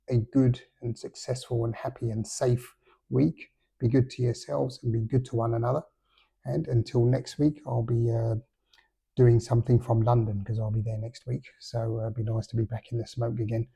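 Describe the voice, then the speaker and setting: Dark gravelly-voiced man, flat delivery. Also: mid-range voice. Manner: hesitant, many ums and uhs, dry understated remarks. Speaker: podcast host. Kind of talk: casual solo football podcast.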